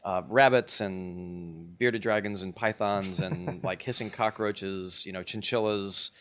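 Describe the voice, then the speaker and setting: A man in his forties, a guest composer, talking in a relaxed, rambling way with many fillers in a casual interview. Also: sits low, slow pace, no room sound.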